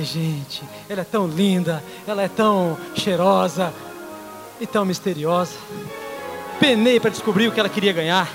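A man playing a proud, clueless husband in an amateur church skit, boastful and exclamatory. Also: high-pitched.

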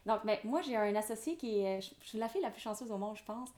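Her mid-range voice is expressive with a darkish tone. She's a twenty-something real estate developer with a Québécois French accent, and she talks quickly, enthusiastically, and motivationally as a guest on a podcast interview.

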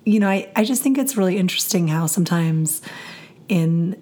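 A woman with a hoarse, raspy voice that is nearly gone, chatting casually and wryly as a pastor co-hosting a podcast. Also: on the low side, expressive, moderate pace, warm tone. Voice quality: raspy, husky from voice loss.

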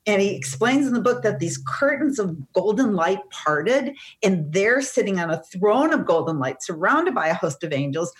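A middle-aged woman, a seminar teacher, telling a personal story in conversation, animated and emotional. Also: mid-range voice, normal speed, few pauses.

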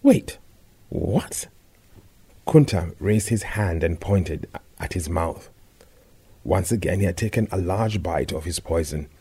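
A man reading a story aloud in a measured, scripted narration. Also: low voice, warm tone, breathy edge.

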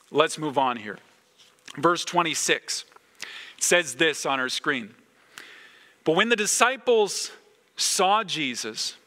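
A man preaching a sermon as pastor, earnest and emphatic, with dramatic pauses. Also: a little high, bright, forceful tone. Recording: long church reverb.

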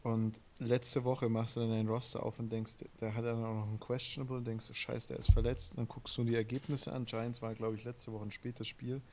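A man's voice: medium pitch, fairly quick, few pauses. A man co-hosting a casual podcast, telling stories with jokes and plenty of swearing. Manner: joking, swears freely, animated storytelling. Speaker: podcast co-host.

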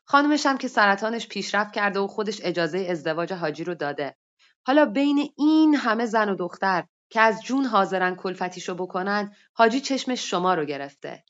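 A woman's voice: medium pitch, lively intonation, fairly bright tone, close to an everyday voice. A woman voicing an older, pious woman who speaks in a firm, admonishing way, in dull lo-fi online audio. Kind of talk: story reading.

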